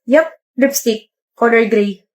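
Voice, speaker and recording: A woman acting out a self-assured rich young man with a dry, clipped delivery in a comedy skit. The voice sits a little high for a man. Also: slow. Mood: tender. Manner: dry, clipped, mixing English into Tagalog.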